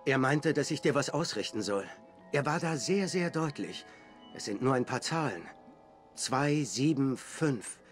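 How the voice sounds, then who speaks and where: An actor playing a frightened, guilt-ridden guard in a video game, anxious and earnest. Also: male voice, medium pitch, expressive, measured pace, soft background music, close to an everyday voice. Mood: uneasy. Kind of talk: video game dramatic voice acting.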